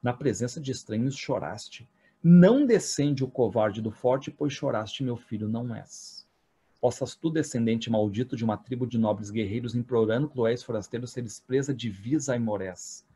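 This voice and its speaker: A man's voice: mid-range voice, animated, normal speed, mellow, slightly rough. A man reading verse as a proud, blind old warrior father, declaiming it solemnly. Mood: reproachful.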